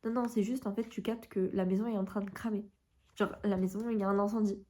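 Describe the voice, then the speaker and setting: A woman's voice: medium pitch, fairly even intonation, fast talker, dark tone. A woman talking casually as a book vlogger, informal and slangy, rambling through her thoughts. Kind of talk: casual chatty reading vlog.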